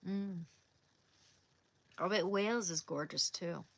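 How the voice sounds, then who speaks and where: A woman from Oregon, USA, speaks slowly in a low, gravelly voice, and the recording is dry. As host of a casual livestream, she reads viewers' comments and chats back to them by name.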